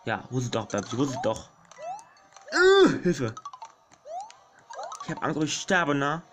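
Young man, let's play commentary, jittery and loud at enemies, mid-pitched voice, game music behind. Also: moderate pace. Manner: excitable, frets and shouts at enemies. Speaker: gaming YouTuber.

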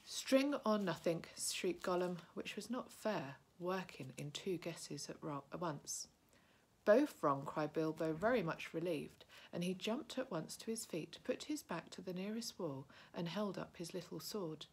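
A woman, an early childhood educator, reading a novel aloud in a calm, steady way, often dropping to a hushed whisper. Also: fairly low pitch, unhurried, few pauses, slightly rough.

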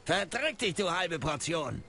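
An actor voicing a gruff, dim, irritable monster manning a carnival cannon in a cartoon adventure game. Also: male voice, a little high, sing-song, a little slow, full character voice. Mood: grumpy. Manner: gruff, grumbling. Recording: loud game music behind.

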